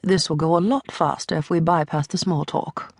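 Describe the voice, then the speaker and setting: A woman's voice: low voice, steady tone, normal speed, breathy edge, no room sound, clean studio sound, voice pushed down. A woman putting on an icy British ticket agent. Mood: cold, curt. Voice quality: clipped, icy, dismissive. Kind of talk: audiobook character voice.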